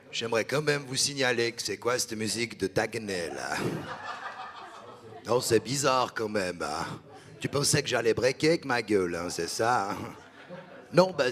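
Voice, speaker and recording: A man's voice: fairly low pitch, a bit bright. A man from Switzerland doing a stand-up routine, cheeky and chatty, teasing the audience. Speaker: stand-up comedian. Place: stage before a live audience.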